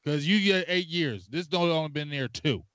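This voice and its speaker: A man's voice: on the high side, animated, a bit bright, dry recording. Male co-host, heated rambling sports rant, dry close sound, dull lo-fi audio. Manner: passionate, rambling, drawn-out fillers. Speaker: podcast co-host. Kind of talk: casual sports talk livestream.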